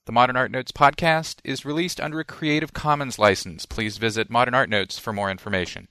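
A man reading the closing credits of a podcast in an even, scripted way. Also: medium pitch, fairly quick, clear, resonant tone, no room sound. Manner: even, read-out delivery. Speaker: show announcer. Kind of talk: scripted outro.

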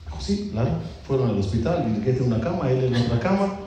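A rabbi telling jokes to an audience, his voice jumping high when he acts out lines. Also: quick pace, a little hiss or hum. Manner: lively storytelling that jumps high when acting out lines. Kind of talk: humorous talk to an audience. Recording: very echoey hall.

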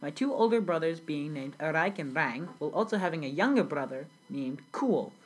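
For a school project role-play interview, a young teen girl plays the interviewee: a grown immigrant recalling a South Sudan childhood, given a husky voice. She speaks low, animated and a little fast, telling the story earnestly from a script.

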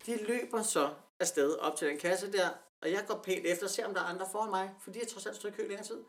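A young man from Denmark telling a story in a casual podcast chat, acting out the people he quotes. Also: sits high. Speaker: podcast co-host.

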